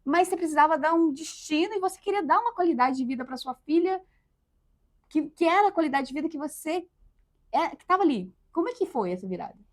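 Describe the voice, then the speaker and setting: A woman's voice: high voice, lively intonation, fast talker. A woman hosting an interview, encouraging her guest and speaking to the audience directly. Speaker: interview host. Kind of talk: conversational interview.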